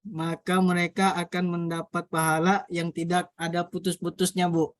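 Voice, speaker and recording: A male student reading a translation aloud verse by verse, a little halting. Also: high voice, monotone, no echo, clean studio sound. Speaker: student in a practice teaching class.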